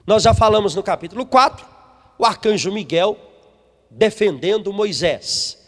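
A man's voice: sits high, expressive, moderate pace, long reverb tail. A man, a missionary preaching a sermon, reading from a book and putting questions to the congregation. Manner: emphatic, asks the congregation questions.

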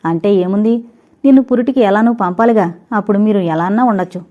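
A woman's voice: medium pitch, fast talker, natural voice. A woman voicing a jealous, harsh-tongued husband. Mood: sarcastic. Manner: harsh, accusing, raised voice. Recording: dull lo-fi recording.

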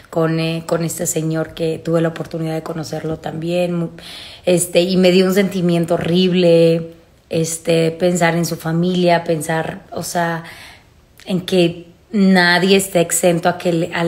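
A woman in her thirties with a Mexican accent, chatting casually and confessionally to followers in a halting, emotional way, recorded on a phone at home. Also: fairly low pitch, a little mellow. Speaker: vlogger. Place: small room at home, indoors. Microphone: phone at arm's length.

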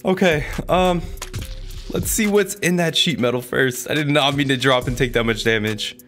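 Man doing casual gameplay commentary, slightly low voice. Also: expressive, fairly quick, fairly bright tone, faint music behind. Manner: informal, exclamatory slang to viewers. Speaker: gaming video creator narrating his play.

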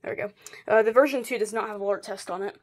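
A hobbyist shows off a collection on video, speaking in a steady, mid-range voice with a casual, offhand, halting manner. It's filmed indoors in a small carpeted bedroom on a phone or camera carried by hand and moving about.

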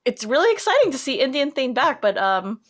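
A woman co-hosting a fan podcast in casual chat, lively and enthusiastic, often correcting herself. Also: high-pitched, fairly quick. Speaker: podcast co-host.

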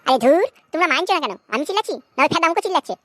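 Woman acting out whiny cartoon son, sulky, complaining, very high and quick. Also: animated. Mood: whining. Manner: whining and complaining. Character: whiny bratty grown son Pacha, sulky. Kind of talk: comic Bengali cartoon voice acting.

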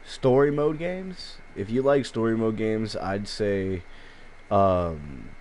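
A man's voice: fairly low pitch, takes it slowly, darkish tone, a little hiss or hum. A man streaming gameplay, talking to his chat in a slangy, casual way full of swearing. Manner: slangy, swears a lot, chats with viewers.

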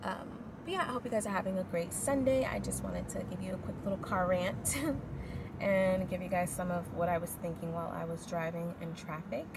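A woman's voice: fairly low pitch, moderate pace, creaky. A young woman in a casual, candid car rant, talking reflectively while she drives in traffic, filmed on a dashboard camera. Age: young adult. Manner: reflective, candid, talks with her hands while driving. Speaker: vlogger. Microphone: camera mounted on the dashboard. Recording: loud car and road noise.

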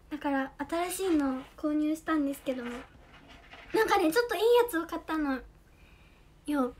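A young woman livestreaming as an idol, chatting casually and thanking viewers by name, her voice slightly hoarse. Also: high-pitched. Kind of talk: casual livestream chat, reading viewer comments. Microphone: earphone mic.

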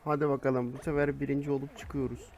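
A young man casually commenting on his own gameplay, talking to himself with sudden loud outbursts. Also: medium pitch, fast talker. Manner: excitable, talks to himself, bursts into loud shouts.

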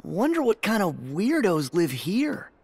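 An actor voicing an earnest, friendly teenage boy hero in an animated video game. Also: mid-range voice, measured pace, breathy edge, full character voice. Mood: uneasy, wary.

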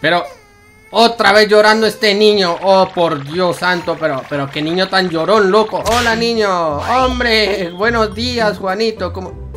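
Young male gamer, high-voiced, jumpy comic fear, game music underneath. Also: unhurried, fairly bright tone. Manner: jittery, jokey, feigning fright, slangy. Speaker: gaming YouTuber. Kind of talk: horror game commentary.

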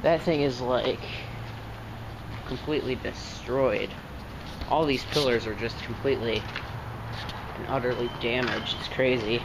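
A man's voice: mid-range voice, fairly even intonation, a little slow, pauses often. A man casually narrating as he walks around outside a closed store, thinking aloud and easily amazed. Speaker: vlogger exploring a closed store. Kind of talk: casual walkaround commentary. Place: outdoors by an empty store and parking lot. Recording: outdoor noise and traffic under the voice.

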